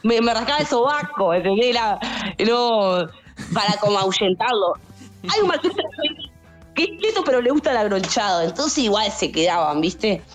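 A woman's voice: normal speed, over music. A young woman, telling funny stories in a casual podcast chat. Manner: animated, acts out customers in high shouted voices. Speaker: guest storyteller, stand-up comic.

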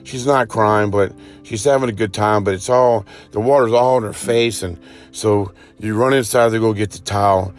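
A man's voice: on the low side, steady tone, normal speed, soft background music. A man preacher telling a vivid second-person story in a sermon, acting out urgent cries as it builds.

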